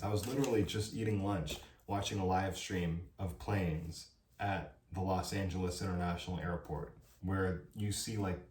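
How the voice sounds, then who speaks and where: A man's voice: low-pitched, a little mellow, roomy sound, distant mic. A young man who is a college student giving emphatic, preachy advice in a casual vlog, often asking "right?". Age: young adult. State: dry throat.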